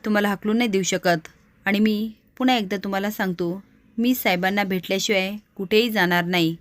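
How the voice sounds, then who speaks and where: Woman reads a defiant young man, firm and accusing, quick delivery, dry close sound. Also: mid-range voice, steady tone, dry recording, natural voice. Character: young man standing up to a scheming rich woman.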